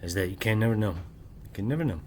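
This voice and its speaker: Rapid-fire and expressive, a middle-aged man with a lowish voice rambles through a solo late-night monologue for his channel, asking "right?" nearly every time he finishes a thought. He holds his voice down so his family stays asleep. A little hiss or hum sits under the audio.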